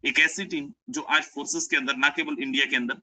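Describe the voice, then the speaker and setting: A man's voice: fairly high pitch, steady tone, fairly quick, bright, forceful tone, no echo, poor audio. A young man presenting an online sales webinar, persuasive and repetitive, mixing English phrases into his talk. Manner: persuasive, repeats "my friend", mixes English phrases.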